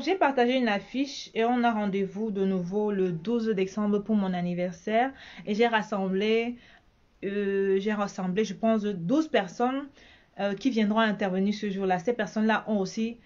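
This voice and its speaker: A woman's voice: mid-range voice, normal speed, darkish tone, lo-fi sound. A woman from Cameroon with a Cameroonian French accent, chatting casually in a vlog as a bridal shop owner, repeating herself often.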